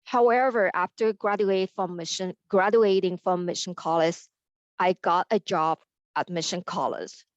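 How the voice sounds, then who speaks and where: A woman, a panelist carefully reading her personal story with halting pauses. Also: fairly low pitch, steady tone, no room sound, highs cut off. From Vietnam. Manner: slow, careful, halting delivery.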